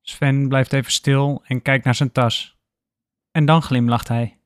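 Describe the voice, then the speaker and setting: A man narrating a scripted story in a calm, even storytelling manner. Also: mid-range voice, unhurried, dry recording, studio quality.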